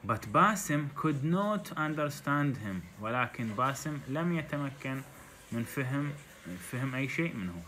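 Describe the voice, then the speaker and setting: A man's voice: medium pitch, lively intonation, sharp tone, a little hiss or hum. A man with an Iraqi Arabic accent, teaching English by reading a textbook story and explaining it in dialect. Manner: reads English lines slowly, then translates into dialect.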